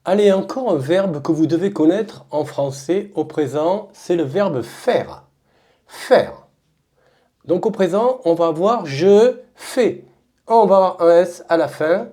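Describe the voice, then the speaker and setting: French woman teacher, slow emphatic drill, lively pitch, mellow lowish voice. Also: soft background music. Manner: slow, emphatic, repeats each form twice. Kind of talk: slow, repeated verb-conjugation drill.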